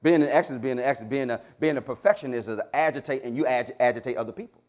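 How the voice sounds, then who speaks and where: A man preaching a sermon in church, asking his congregation questions and calling for answers. He swings between loud, emphatic lines and quiet, low asides, and speaks. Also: very fast. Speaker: pastor.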